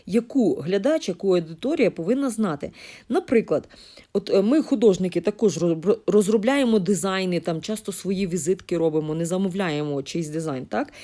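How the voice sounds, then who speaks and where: A woman from Ukraine explaining design and art principles in a lesson, talking with fillers and quick self-corrections. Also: medium pitch, mellow. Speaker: art teacher.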